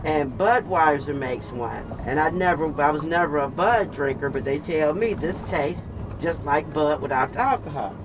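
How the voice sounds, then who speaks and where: An older woman chatting casually and telling stories in an animated, emphatic way, repeating phrases for comic effect. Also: deep voice, normal speed. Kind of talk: casual storytelling chat. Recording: noisy with clear vehicle and street sound.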